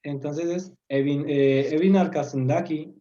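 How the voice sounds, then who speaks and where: A man's voice: on the high side, steady tone, unhurried, dark tone, highs cut off. A man teaching a language lesson to an online group, patiently explaining with frequent fillers and checking understanding with tag questions. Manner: hesitant, many fillers. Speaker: Turkish teacher. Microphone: video call.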